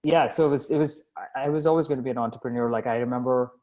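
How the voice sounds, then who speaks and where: A man's voice: medium pitch, rapid-fire, a crowd in the background. A man who grew up in Dubai, a company founder answering interview questions in a chatty, self-deprecating way with lots of fillers and restarts. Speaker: company founder and CEO, guest. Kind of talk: casual interview conversation.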